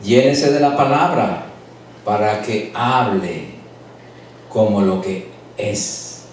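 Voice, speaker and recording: A man's voice: on the low side, lively intonation, slow pace, slight background noise. A man pastor preaching a sermon with emphatic, repeated phrases, recorded in a church. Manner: preaching with rising emphatic repetition. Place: church sanctuary. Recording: echoey church hall picked up from a distance.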